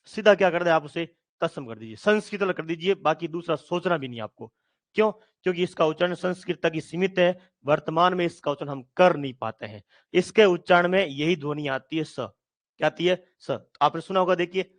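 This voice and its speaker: Man, teacher, slightly raised pitch, question-and-answer drilling, slow repeated sounds. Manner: asks questions and answers them himself; repeats sounds slowly and deliberately. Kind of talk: Hindi grammar lesson.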